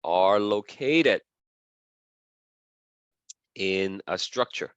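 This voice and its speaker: A man's voice: low-pitched, animated, extremely slow, clean tone, no room sound, lo-fi sound. A man lecturing a class, repeating key terms as he draws and often asking "okay?" and "right?".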